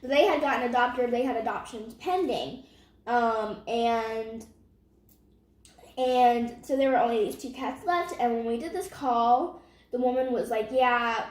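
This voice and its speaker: A woman's voice: a little high, a little slow. A young teenage girl telling a story in casual chat, acting out what people said as she goes. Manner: animated retelling with acted-out quotes. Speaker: storytelling vlog co-host with parent. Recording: echoey room.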